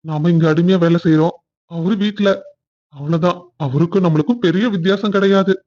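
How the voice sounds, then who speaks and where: A woman's voice: on the low side, brisk, warm tone, pitched below the performer's own voice, lightly acted. A woman voicing a grumbling male worker who speaks with bitter resignation in a cartoon story. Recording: dull lo-fi sound.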